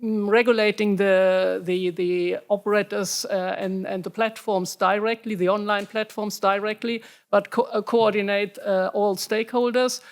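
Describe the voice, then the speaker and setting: A woman with a German accent giving a presentation at a conference, measured and hesitant. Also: mid-range voice, fairly even intonation. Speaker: conference speaker. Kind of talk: presentation talk.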